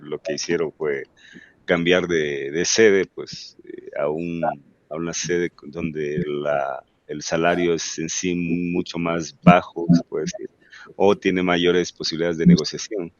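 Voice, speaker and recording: Deep-voiced hesitant student. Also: male voice, no echo, muffled recording. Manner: hesitant, restarts often.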